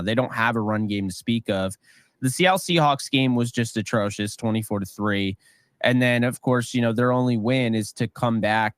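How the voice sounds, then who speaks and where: A man's voice: medium pitch, no echo, studio quality. Chatty man riffing on football. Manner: rambling, animated opinions with many fillers. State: voice getting worn. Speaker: podcast co-host. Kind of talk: casual sports talk.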